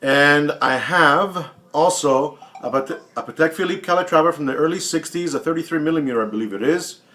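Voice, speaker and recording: With a sharp tone and slightly high voice, this man talks a little fast. In his late forties, he hosts a YouTube watch channel and answers another vlogger's questions bluntly and casually, cursing heavily, taunting, and repeating himself for emphasis.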